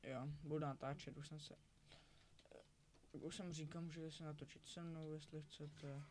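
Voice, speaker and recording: A man's voice: fairly high pitch, fairly even intonation, darkish tone, slight background noise. A teenage boy rambling casually while commenting on his own gameplay, often correcting himself. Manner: rambling, self-correcting, chatty. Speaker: gaming YouTuber.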